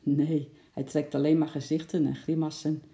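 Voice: mid-range voice, little pitch movement, moderate pace, mellow, close to an everyday voice. A reader voicing a kind, patient little girl in a children's storybook, in a raised, coaxing voice. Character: young girl, kind and helpful, zoo visitor. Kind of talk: storybook reading. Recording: echoey room.

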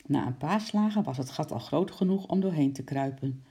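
A narrator reading a children's story aloud in a lively, expressive way, voicing sound effects. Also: mid-range voice, moderate pace, breathy edge.

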